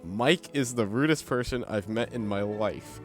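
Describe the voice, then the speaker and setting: A man's voice: on the low side, normal speed. A man hosting casually, reading online reviews aloud in amused disbelief. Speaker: video host. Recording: background music under the voice. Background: music.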